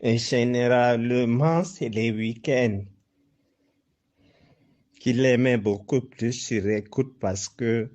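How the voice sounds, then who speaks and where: A man's voice: medium pitch, takes it slowly, pauses often, a little mellow, highs cut off. A man from Cameroon with a Cameroonian accent speaks informally and insistently, laying out accusations and repeating himself for emphasis. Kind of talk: informal spoken exposé with accusations.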